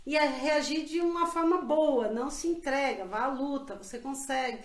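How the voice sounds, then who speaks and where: A woman's voice: high-pitched, moderate pace. A middle-aged Brazilian woman, interviewed in a casual chat, talks in an earnest, reflective way with many fillers and restarts. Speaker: interviewee, council pre-candidate. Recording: echoey room.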